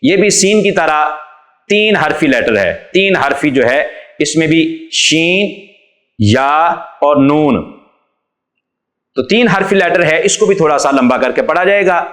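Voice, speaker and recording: Man, patient teacher, slightly high voice, echoey room, children's letter-reading lesson. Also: expressive, fairly bright tone. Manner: patient, explains each letter then draws it out slowly.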